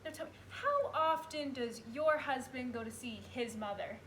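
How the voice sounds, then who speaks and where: Teen actress as a blunt sardonic friend, high bright voice, faint hiss. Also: female voice, moderate pace. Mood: wry. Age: late teens. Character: blunt, wisecracking woman friend giving rules. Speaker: student actor. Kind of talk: stage play dialogue. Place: school theater stage.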